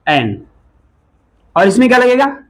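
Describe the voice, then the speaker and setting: A man teaching a classroom lesson, asking the pupils short repeated questions and sometimes calling out loudly. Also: very high voice, huge pitch swings, a little slow, poor audio.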